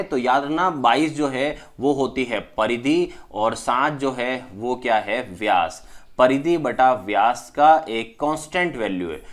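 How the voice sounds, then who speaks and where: A male maths teacher with a voice pitched a little above most men. He teaches emphatically, firing questions at the class and answering each one himself. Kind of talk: whiteboard maths lesson.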